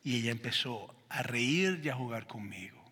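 A man preaching a sermon in church, telling a personal story with animated delivery and asking the congregation questions. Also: medium pitch, normal speed, husky, long reverb tail. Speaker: pastor.

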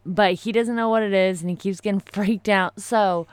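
A woman's voice: mid-range voice, steady tone, normal speed, smooth, dry recording. A woman in casual conversation, backing up and finishing a shared story. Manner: supportive listener, chimes in to finish stories. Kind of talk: casual chat.

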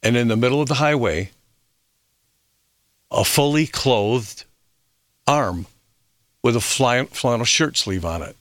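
A man's voice: medium pitch, expressive, slow, long pauses, a bit bright, no room sound, studio quality. A middle-aged man hosting a health radio show, telling reflective stories with fillers and restarts. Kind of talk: radio talk monologue.

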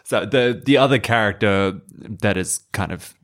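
A man's voice: fairly low pitch, normal speed, a bit bright. A man co-hosting a podcast in casual chat, laughing often and restarting his sentences. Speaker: podcast co-host.

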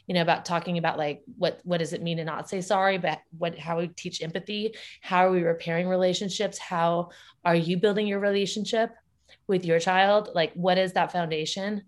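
A woman's voice: on the low side, steady tone, fairly quick. A woman talking casually as an interview guest about her work with parents and children, upbeat and laughing often as she speaks. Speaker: guest, parenting educator and school founder.

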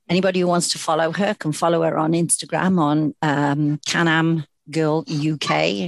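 A British woman hosts a podcast in a casual, chatty way. Her voice is low for a woman, and the recording is dry, with very little room sound. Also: creaky, dry recording. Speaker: podcast host. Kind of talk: casual podcast introduction and chat.

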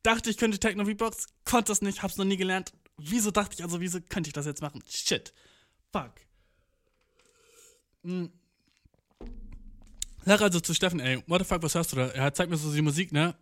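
A man's voice: sits high, fairly even intonation, normal speed, pauses often, a bit bright, dry recording, studio quality. A young man telling a rambling comic story in a slangy, swearing manner, dropping English phrases and acting out quotes. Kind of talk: rambling comedic monologue.

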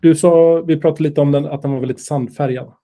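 A man's voice: on the high side, steady tone, mellow. A man co-hosting a casual podcast chat, explaining things with fillers and restarts and teasing his partner. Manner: chatty, explains with hesitations and fillers; teasing, playful. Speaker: podcast co-host.

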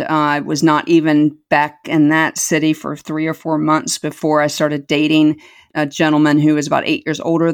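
Speaking in a deep voice, a middle-aged woman recounts her life as a guest in an interview. Her tone is earnest and reflective, and she repeats words to stress them.

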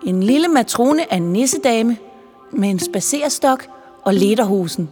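A woman narrating a children's Christmas story in a lively, playful storytelling manner. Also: fairly high pitch. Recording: reverberant with faint music.

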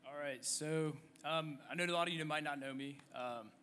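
A man in his twenties telling his life story on a church stage, halting with many fillers and restarts. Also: fairly high pitch, bright, forceful tone, smooth. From Egypt. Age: 20s. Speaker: church member guest. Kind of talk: conversational testimony on stage.

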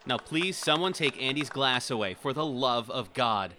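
A man's voice: medium pitch, lively intonation, moderate pace, noisy background, lightly acted. A man playing an exasperated groom who stumbles through a thank-you speech and curses. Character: flustered groom giving a speech.

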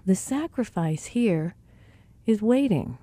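A woman's voice: medium pitch, animated, slow, warm tone, no echo. A woman giving an earnest spiritual talk who retells scripture with quoted dialogue.

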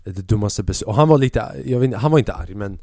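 A man's voice: mid-range voice, expressive, dark tone, dry recording. A man hosting a podcast who tells a comic story in a casual, slangy style, often swearing. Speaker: podcast host.

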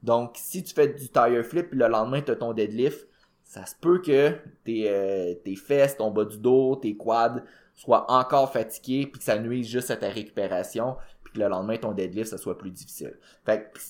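A mid-range, darkish male voice at normal speed belongs to a Québécois powerlifting coach co-hosting a fitness podcast. He walks through training in a laid-back way, using many fillers and English gym terms.

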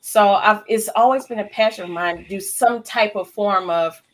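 A woman's voice: mid-range voice, normal speed. A woman in her thirties, a guest in a casual chat, talking easily with frequent fillers and laughs. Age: 30s. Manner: chatty, laughs often, uses lots of fillers.

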